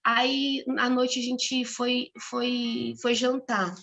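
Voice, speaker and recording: A Brazilian woman in middle age shares a personal testimony with her church. Her voice sits high, and she tells the story with animation, slipping into the voices of the people she quotes and repeating words as she goes. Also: level tone, very slow, fairly bright tone. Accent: Brazilian Portuguese. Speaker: church member giving a testimony.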